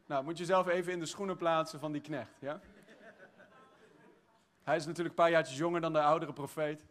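A man preaching a sermon, exuberant, swinging from shouted praise to quiet, chatty storytelling. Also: fairly high pitch, fairly even intonation, fairly quick. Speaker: pastor.

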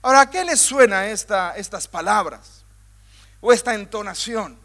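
High-voiced, bright preacher man. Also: animated, moderate pace. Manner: emphatic, building repetition; addresses listeners directly. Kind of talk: sermon.

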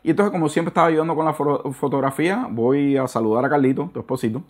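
A man in his thirties, a guest in a casual interview, telling his story with animated restarts and repetitions, now and then slipping in English words. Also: a little high, fast.

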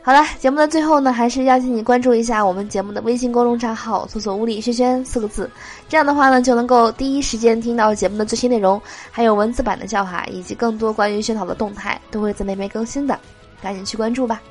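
A woman's voice: on the high side, quick pace, soft background music. A woman hosting a joke show, reading jokes aloud with a nasal voice from a cold and laughing at her own punchlines.

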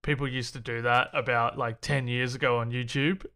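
Bright, giggly man, hesitant. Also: mid-range voice, level tone, normal speed. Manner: laughs often, hesitant, full of fillers. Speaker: podcast co-host. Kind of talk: casual gaming chat.

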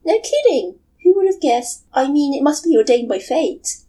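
A woman's voice: high voice, very animated, normal speed, pitched above the performer's own voice. A woman voicing a bubbly, apologetic young woman talking on the phone. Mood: cheerful. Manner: bright, eager, self-deprecating.

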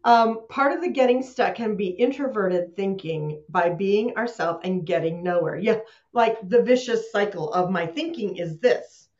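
A woman's voice: medium pitch, measured pace, darkish tone. A woman hosting a live online session, talking casually, laughing often and restarting sentences. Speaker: host. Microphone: computer mic on a video call. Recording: roomy, dull video-call audio.

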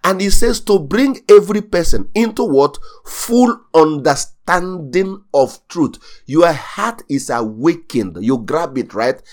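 A man's voice: on the high side, animated, takes it slowly, few pauses, a little mellow. A man preaching a sermon as pastor, emphatic and repetitive, with rising bursts of intensity.

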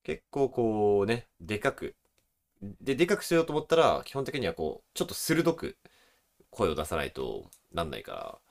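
A young man in his twenties co-hosting a relaxed podcast chat, chuckling often. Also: on the low side, moderate pace, vocal fry. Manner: relaxed, chuckling, demonstrates voices. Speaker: podcast co-host. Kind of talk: casual chat.

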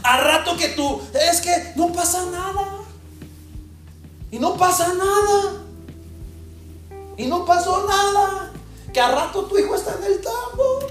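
A woman preacher delivering an animated sermon, mimicking people in mocking voices. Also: very high-pitched, a little slow. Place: large echoing church hall. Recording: very echoey hall with faint music.

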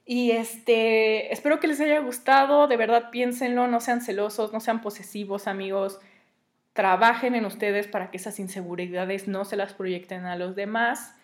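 A woman's voice: mid-range voice, little pitch movement, moderate pace. A young woman with a Mexican Spanish accent, hosting her own podcast and talking casually and earnestly to her listeners, giving relationship advice. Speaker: podcast host.

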